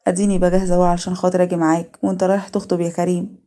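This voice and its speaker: A woman with an Egyptian accent voicing a heartbroken young woman who speaks softly and sorrowfully. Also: on the low side, little pitch movement, racing, natural voice. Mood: gentle. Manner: soft, sorrowful. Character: heartbroken young woman hiding her love.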